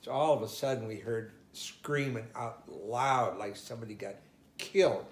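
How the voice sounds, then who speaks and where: Older man, middle-pitched voice, animated storyteller, echoey room. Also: normal speed. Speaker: interviewee. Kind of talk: casual family storytelling.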